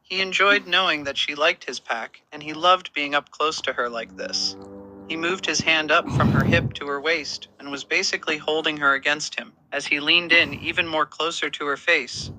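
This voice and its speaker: A man reading a romance story as narrator, in an even, steady storytelling manner. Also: on the high side, moderate pace, slight background noise, low-quality recording.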